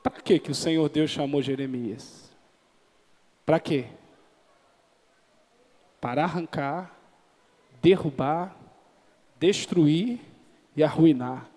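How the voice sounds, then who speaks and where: A man preaching a sermon as pastor, reading scripture slowly and calling for responses from the congregation. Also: on the high side, warm tone, in a large hall. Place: church.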